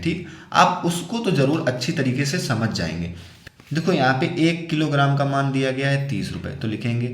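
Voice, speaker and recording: A man's voice: mid-range voice, roomy sound. A man patiently explaining a maths problem step by step, asking and answering his own questions as he goes. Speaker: maths teacher.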